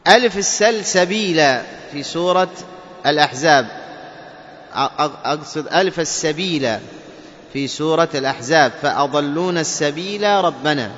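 A man teaching Quran recitation rules, explaining step by step, asking and answering his own questions, and chanting verses slowly as examples. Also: on the high side, a bit bright. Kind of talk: tajweed lesson with chanted examples. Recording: dull reverberant hall recording with faint noise.

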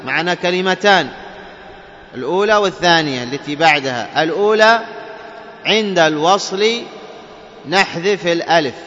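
A man teaching Quran recitation rules, explaining step by step, asking and answering his own questions, and chanting verses slowly as examples. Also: fairly high pitch, a bit bright. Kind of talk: tajweed lesson with chanted examples. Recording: dull reverberant hall recording with faint noise.

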